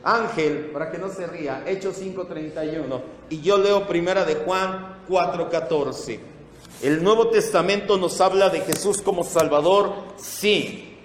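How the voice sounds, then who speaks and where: A man leads a Bible class in a church room, explaining word meanings slowly and repeating each term. His voice sits fairly high for a man. The sound rings with a long, hall-like reverb. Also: slight background noise. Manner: slow, repeats terms, calls on listeners by name. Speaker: Bible teacher. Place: church meeting room with projector. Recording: echoey hall.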